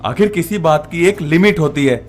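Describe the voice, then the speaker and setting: A man's voice: mid-range voice, normal speed, soft background music, natural voice. A man voicing an earnest, determined young man in love in a cartoon. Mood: indignant. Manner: earnest, pleading.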